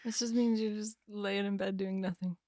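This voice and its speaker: A woman with a middle-range voice co-hosting a podcast. Her talk is loose, playful banter, full of giggles and drawn-out words. She sounds relaxed and conversational. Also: medium pitch, heavy background noise. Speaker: podcast co-host. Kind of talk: casual banter.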